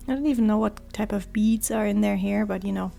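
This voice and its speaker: A woman with a cold talks casually while she draws, her voice hoarse and raspy, quiet and monotone, sometimes dropping to a soft murmur. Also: medium pitch, a little fast, soft background music. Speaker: art vlogger. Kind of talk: casual talk while drawing.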